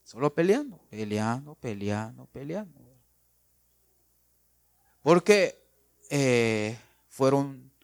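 A man preaching a sermon, emphatic, repeating phrases and asking the congregation "right?". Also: medium pitch. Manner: acts out quoted voices with sharp swings in loudness.

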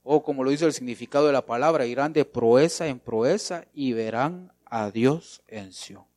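A man's voice: mid-range voice, moderate pace, a little mellow, dry recording, clean studio sound. Emphatic preacher man. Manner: emphatic, repeats phrases, addresses congregation as brother. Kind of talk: sermon.

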